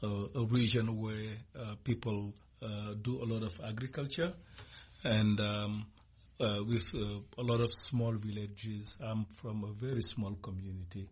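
A man from Senegal, a guest on a radio interview, speaking hesitantly with many pauses and restarts. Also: lowish voice, steady tone, breathy edge. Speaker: guest, cooperative leader. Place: radio studio.

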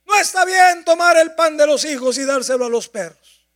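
A pastor voicing a stern solemn teacher. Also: male voice, very high-pitched, normal speed, a bit bright, pitched above the performer's own voice. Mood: proclaiming. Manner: solemn, proclaiming. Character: stern teacher figure speaking with authority.

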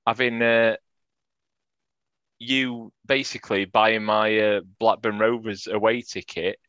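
A man's voice: on the low side, flat delivery, slow pace, fairly bright tone, dry recording. A man in his forties co-hosting a football podcast, chatty and self-mocking. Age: 40s. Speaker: podcast co-host. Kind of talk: casual football podcast chat. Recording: dry, dull lo-fi sound.

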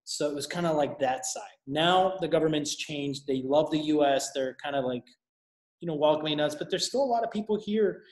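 A young man who grew up in Colombia, a missionary talking casually as an interview guest, relaxed and rambling with plenty of fillers. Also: fairly high pitch, fairly quick, reverberant.

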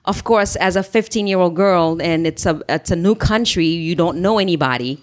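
A low-voiced woman from Haiti, whose first language is Haitian Creole, tells her story as an interview guest and business founder. She speaks earnestly, in a measured storytelling manner.

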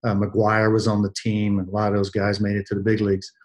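Low-voiced man in his sixties from Belgium. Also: completely flat delivery. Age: 60s. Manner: measured, many hesitations and restarts. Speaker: guest, athletic trainer. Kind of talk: interview answers.

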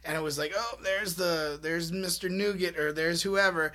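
A man with a high, bright voice tells a story in a loose, casual chat. He gets animated and laughs as he talks. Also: moderate pace. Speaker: comedian.

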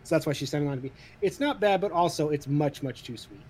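Slightly high-voiced swearing man in his thirties. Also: fast, slight background noise. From Idaho, USA. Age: 30s. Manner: swears freely, animated, self-deprecating. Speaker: podcast co-host. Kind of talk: casual chat.

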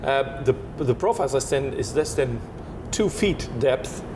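A man from Portugal, a native Portuguese speaker, talks haltingly as a winemaker guest, describing things in his interview answers. He gropes for words and restarts often. Steady noise and a low rumble run through the recording.

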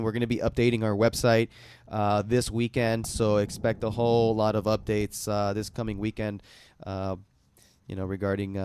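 A man's voice: lowish voice, clean tone. A man hosting a radio talk show, chatting casually and upbeat with lots of fillers. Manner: relaxed, filler-heavy, upbeat.

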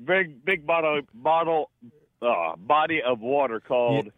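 Muffled radio caller, florida man late 40s, kinda high voice, folksy and teasing. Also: expressive, a little slow, no room sound. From Florida, United States. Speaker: radio call-in guest. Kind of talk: casual chat. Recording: dull lo-fi phone call to radio.

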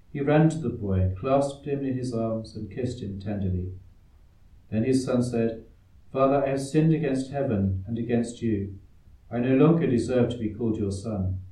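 Dark-voiced priest in cathedral-like echo. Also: male voice, medium pitch. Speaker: priest reading the Gospel at Mass. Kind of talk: liturgical scripture reading. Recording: echoey church, heard from a distance.

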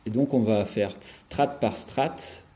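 Guy giving a lecture over slides, kinda low warm voice, lots of ums and restarts. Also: slow pace. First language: French. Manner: hesitant, many fillers and restarts.

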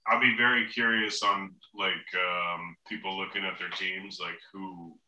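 A deep-voiced man trades casual, offhand remarks on a sports podcast. His voice is bright and forceful. He is heard from a few feet away in a roomy, echoey space. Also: level tone, measured pace, far from the mic. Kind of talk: casual fantasy football chat.

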